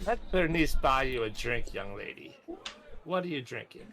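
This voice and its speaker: A man's voice: medium pitch, expressive, moderate pace, background noise, lightly acted. A man voicing a friendly, nosy old woman in a tabletop game, with the folksy, solicitous manner of a doting grandparent. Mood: coaxing. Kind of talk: tabletop role-play acting.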